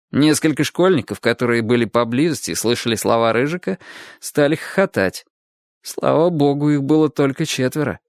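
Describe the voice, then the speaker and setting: Man, audiobook narration, expressive storytelling, lively intonation, dry close sound. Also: medium pitch, no room sound. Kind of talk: scripted narration.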